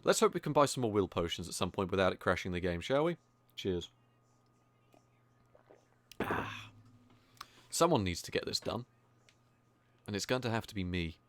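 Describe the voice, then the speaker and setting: A man's voice: on the low side, big pitch swings, quick pace, dry recording. A man giving rambling, casual live commentary while playing a video game, often poking fun at himself. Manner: casual, rambling, self-deprecating.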